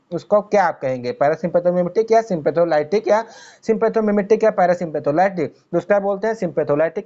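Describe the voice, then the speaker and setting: Man teaching pharmacy with a mellow voice. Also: high voice, lo-fi sound. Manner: reads English questions slowly, then explains in rapid Hindi with rhetorical questions. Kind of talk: exam-prep lecture explaining multiple-choice answers.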